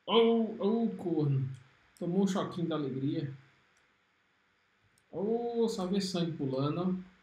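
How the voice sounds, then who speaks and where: Brazilian guy streaming a fighting game, swears at the cpu, slow talker, echoey room. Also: high voice. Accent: Brazilian Portuguese. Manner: excitable trash-talking, swearing at opponents. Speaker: gaming streamer. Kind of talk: live gameplay commentary.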